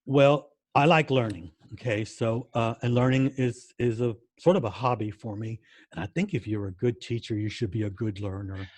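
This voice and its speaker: An American man talks through interview answers in an easy, conversational way. He fills gaps with "uh" and restarts his phrases, and he repeats words to stress a point. His voice sits in a middle pitch and sounds dry and close to the mic. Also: normal speed, darkish tone, no echo. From United States. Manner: many fillers and restarts, repeats words for emphasis. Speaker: guest language educator.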